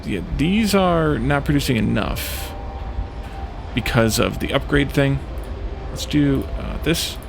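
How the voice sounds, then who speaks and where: A man with a creaky, medium-pitched voice speaks slowly but animatedly as he hosts a let's play, thinking aloud in short fragments. Background noise is present, along with game music.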